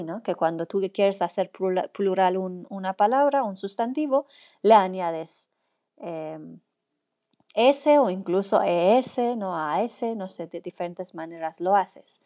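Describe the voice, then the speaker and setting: Woman lecturer with a mellow voice. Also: medium pitch. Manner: explains step by step, often checks with "¿no?"; frequent filler "eh" and "em". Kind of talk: university lecture.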